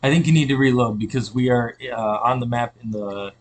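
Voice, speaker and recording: A man's voice: medium pitch, a little fast. A man narrating an online tabletop game as dungeon master, describing scenes with fillers and self-corrections.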